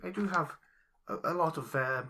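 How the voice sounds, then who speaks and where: A man voicing a timid, bookish male scholar who is centuries old, stammering and halting and often dropping to a whisper. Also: a little high, bright, forceful tone, voice pushed up. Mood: flustered.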